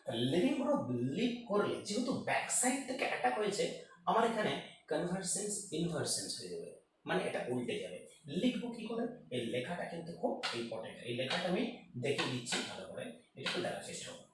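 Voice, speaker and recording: A man teaching chemistry in a lively, repetitive way, often checking whether his students have understood. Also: sits high, quick pace. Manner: lively, repetitive, calls students "beta", checks if it's clear. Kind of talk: whiteboard chemistry lecture. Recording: echoey room, distant mic, faint noise.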